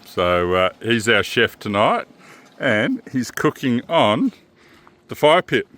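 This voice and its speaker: A man hosting a casual camping vlog at an outdoor campsite, relaxed and jokey, laughing often. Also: medium pitch, slow. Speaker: caravan vlog host.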